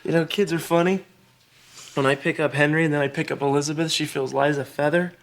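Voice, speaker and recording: A man's voice: fairly high pitch, fairly even intonation, fast talker, natural voice. A young man acting in a sitcom as a goofy, easily rattled dad, blunt and exclamatory. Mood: fond. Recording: very noisy sitcom soundtrack.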